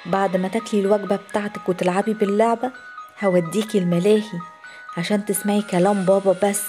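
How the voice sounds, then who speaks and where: A creepy, temperamental man, as a woman narrator puts him on, speaking Egyptian Arabic in a raised, strained voice. He coaxes sweetly and then snaps. Loud background music runs under the horror story. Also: mid-range voice, steady tone, quick pace, close to an everyday voice, poor audio. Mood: coaxing. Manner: switches between syrupy coaxing and snapping. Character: creepy middle-aged man, sinister, quick-tempered.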